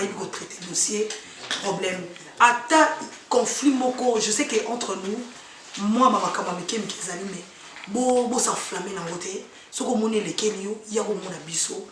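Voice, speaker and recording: A woman from DR Congo with a Congolese French accent, leading an association and addressing a gathering, slipping between French and Lingala in loose, rambling phrases. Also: medium pitch. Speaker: association leader. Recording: echoey hall from far off with loud crowd.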